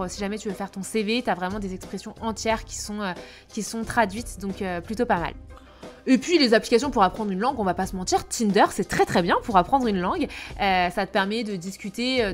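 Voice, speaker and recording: A young woman giving casual travel tips in a chatty way, with frequent hesitations. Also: mid-range voice. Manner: chatty, many filler hesitations. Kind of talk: casual chat to camera.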